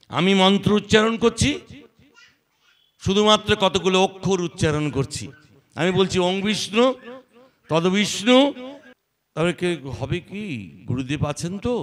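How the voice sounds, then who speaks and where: A middle-aged man with a Bengali accent preaching a sermon at a religious gathering, exhorting with rhetorical questions and stories. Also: medium pitch. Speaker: speaker at a religious assembly.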